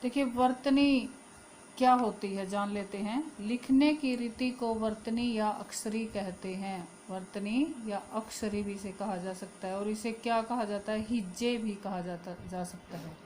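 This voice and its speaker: A woman teaching a grammar lesson who addresses her students as children and repeats each word slowly as a drill. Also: mid-range voice, a little mellow, faint music behind, low-quality recording. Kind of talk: classroom-style lesson.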